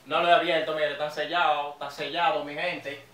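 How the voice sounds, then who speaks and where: Bright-voiced Dominican young man in an echoey room. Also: fairly high pitch, flat delivery, fairly quick. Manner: rowdy, joking, slangy. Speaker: vlogger. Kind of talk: casual street-slang vlog. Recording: echoey room, mic a bit distant.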